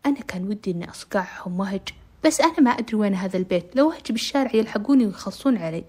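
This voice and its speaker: A woman's voice: mid-range voice, lively intonation, racing, darkish tone. A woman narrating a dramatic first-person story in an intimate way, slipping into whispers. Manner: intimate, dips into whispers at tense moments.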